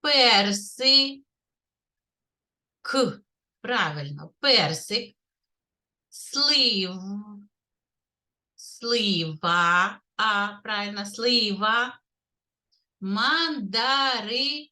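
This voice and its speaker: Slow, lively-voiced kindergarten teacher woman. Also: medium pitch. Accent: Ukrainian. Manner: slow, clear, sing-song teacher talk, praising often. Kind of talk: literacy lesson for young children. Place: kindergarten classroom.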